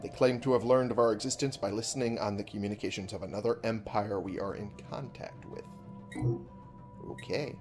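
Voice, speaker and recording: A man giving casual, informal gameplay commentary as a host, thinking out loud, reading on-screen text and swearing freely. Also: on the low side, fairly even intonation, fairly quick, music in the background. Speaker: video game let's-play host.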